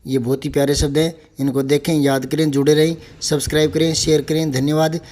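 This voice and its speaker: A male Hindi teacher leading a vocabulary lesson, reciting word pairs over and over in a steady, rhythmic drill. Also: fairly high pitch, fairly quick, roomy sound.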